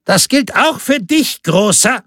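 A man's voice: very high voice, animated, slow pace, a bit bright, no echo, studio quality, pitched above the performer's own voice, exaggerated voice. A man voicing a scrawny, sniffling bailiff who is spiteful and pompous, with a bullying, sneering manner.

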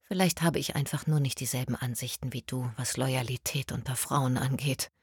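A woman voicing an older mother who speaks softly with dry skepticism. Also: rumbling low, steady tone, normal speed, breathy edge, no echo, voice pushed down, full character voice. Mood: dry skeptical.

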